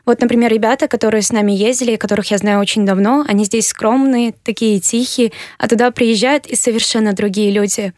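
An eighteen-year-old woman from Kyrgyzstan answering interview questions earnestly, pausing with fillers as she thinks. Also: on the high side, fairly even intonation, darkish tone, no echo, studio quality. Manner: earnest, measured, with hesitant fillers. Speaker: interviewee, university applicant.

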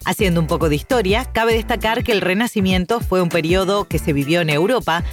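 A woman's voice: fairly low pitch, a little fast, faint music behind. A woman hosting an interview, welcoming her guest and asking friendly questions with light laughter. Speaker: host.

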